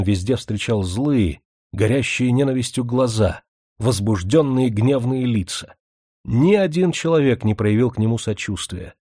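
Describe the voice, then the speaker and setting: A man narrating a novel as an audiobook in a measured, serious reading. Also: fairly low pitch, dark tone, no room sound, clean studio sound.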